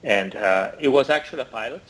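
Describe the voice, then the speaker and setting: An Italian man in his forties, speaking with an Italian accent, chats as an interview guest over a video call. His medium-pitched voice moves fairly quickly, and he hesitates often with fillers and restarts. He's in an indoor room, picked up by a laptop or phone camera mic.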